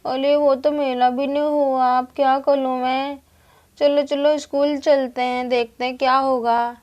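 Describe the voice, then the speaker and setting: A woman's voice: high voice, level tone, a little slow, a little mellow, highs cut off. A woman narrating a doll school story and speaking every schoolgirl and the teacher herself. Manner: plays every child and the teacher herself in one voice. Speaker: doll-play narrator and voice of all characters. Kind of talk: Barbie doll story play.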